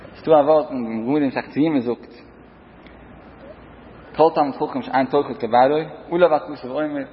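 A man giving a sermon as a religious teacher, telling parables in short, repeated phrases that rise and drop in loudness. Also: medium pitch. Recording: dull sound in a reverberant hall, faint noise.

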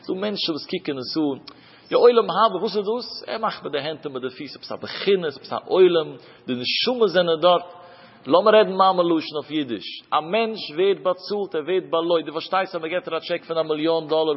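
A man's voice: fairly high pitch, fairly quick, slightly rough. A man giving a religious sermon, telling stories with emphatic swings of his voice. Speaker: preacher. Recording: reverberant, dull lo-fi recording.

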